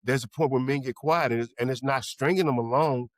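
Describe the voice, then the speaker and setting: A man's voice: medium pitch, brisk, no echo. A male podcast co-host talks. He restarts phrases and repeats words while he thinks it through. The sound is dry and close. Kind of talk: casual group discussion.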